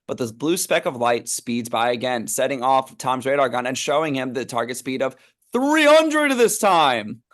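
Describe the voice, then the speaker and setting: A man's voice: mid-range voice, sing-song, normal speed, fairly bright tone. A man narrating a script read, reading stage directions aloud in an informal, amused way.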